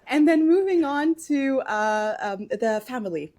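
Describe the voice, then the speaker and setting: A woman's voice: high voice, lively intonation, unhurried, a little mellow. A woman in her thirties from Morocco, a podcast guest telling her life story casually, with many fillers and small laughs; her first language is Moroccan Arabic.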